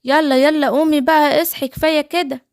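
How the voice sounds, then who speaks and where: A woman's voice: high-pitched, fairly even intonation. A woman with an Egyptian accent voicing caring, scolding animal mothers in a children's cartoon story. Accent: Egyptian Arabic. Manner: brisk motherly calling and scolding.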